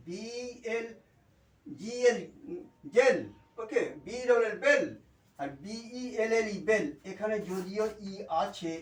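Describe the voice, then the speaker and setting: A man's voice: high-pitched, roomy sound, far from the mic, low-quality recording. A man from India with a Bengali accent teaching English pronunciation in a spoken lesson. He spells out letters, repeats example words and checks in with a frequent "okay".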